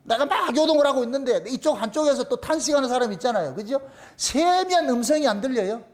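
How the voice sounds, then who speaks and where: A pastor with a Gyeongsang Korean accent preaches a sermon in an extremely high, expressive voice, talking fast. He is emphatic and repetitive, repeating phrases for emphasis and posing questions to the congregation that he then answers himself.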